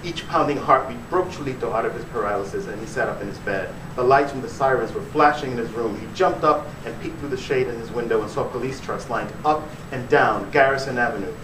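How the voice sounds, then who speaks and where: Born in Puerto Rico and raised in the Bronx, New York, a male author gives a dramatic reading of his fiction at a live bookstore event. His mid-range voice moves fast with hardly any pauses. The recording is noisy and echoey, picked up by a distant mic.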